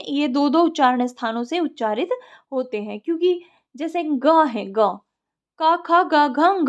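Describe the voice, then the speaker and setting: A woman teaching an exam revision lecture on Sanskrit grammar, reciting rules slowly and then explaining them plainly. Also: high-pitched.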